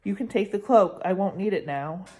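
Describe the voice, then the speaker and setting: A woman doing an urgent hushed boy wizard. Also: mid-range voice, normal speed, close to an everyday voice.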